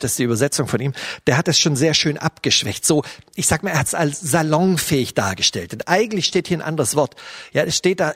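Husky-voiced man preaching. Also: on the high side, dry recording, studio quality. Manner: storytelling, imaginative retelling with many fillers. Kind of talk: sermon.

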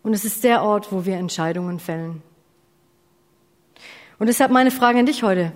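Speaking at normal speed in a medium-pitched voice, a woman preacher gives an earnest, direct sermon. She puts questions to her audience, now and then corrects herself, and apologizes when she slips. Long reverb from the hall trails her words.

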